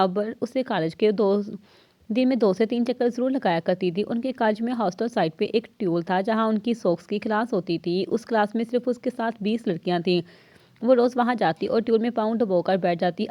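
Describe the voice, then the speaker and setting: A woman reading a novel aloud in steady storytelling narration. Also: medium pitch, no room sound.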